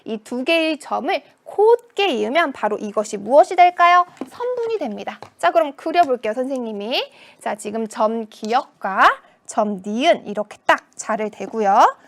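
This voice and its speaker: A woman's voice: fairly high pitch, sing-song, moderate pace, hardly any pauses. A woman teaching a children's math lesson, asking questions and answering them in a playful voice. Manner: sing-song, questions and answers to herself.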